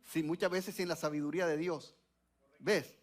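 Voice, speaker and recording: A man's voice: on the high side, fairly even intonation, moderate pace. A male pastor preaching a sermon to a church congregation, asking them questions and waiting for their answers.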